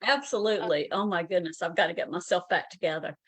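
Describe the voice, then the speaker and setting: A woman hosts a book club chat over a video call, effusive and quick to laugh. Her voice sits at a middle pitch and sounds dry and close, with no room around it. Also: husky, no room sound.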